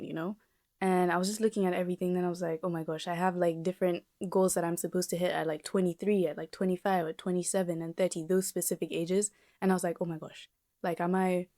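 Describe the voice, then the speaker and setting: A young woman of twenty muses aloud on her own podcast, rambling and reflective, with plenty of fillers. Her voice sits a little low and sounds mellow and soft-edged. The recording is dry and close, with no room sound. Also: no echo. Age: 20s. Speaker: podcast host. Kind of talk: casual solo podcast monologue.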